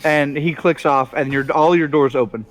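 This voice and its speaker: Male game master, slightly high voice, filler-heavy narration. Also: steady tone, moderate pace. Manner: lots of uh fillers, laughing. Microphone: headset over voice chat.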